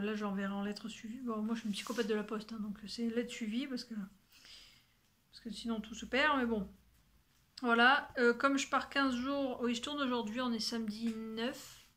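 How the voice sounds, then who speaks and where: A woman talks casually through her sewing and knitting projects, rambling as she goes and swearing lightly now and then. Her voice sits a little high and sounds bright and forceful. She sometimes drops into a quiet whisper. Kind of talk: casual chat to camera.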